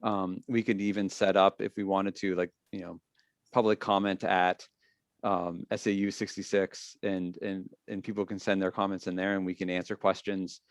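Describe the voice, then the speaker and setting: Low-voiced man explaining, halting, dry sound. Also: little pitch movement, no room sound. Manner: halting, repeats phrases, explanatory. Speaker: meeting leader, school official. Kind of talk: public meeting discussion.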